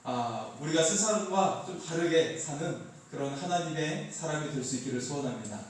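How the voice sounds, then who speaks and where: A man's voice: on the high side, animated, normal speed, slight background noise. A man preaching a Sunday sermon, light and joking as he quizzes his congregation. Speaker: pastor. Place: church sanctuary. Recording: echoey hall, heard from a distance.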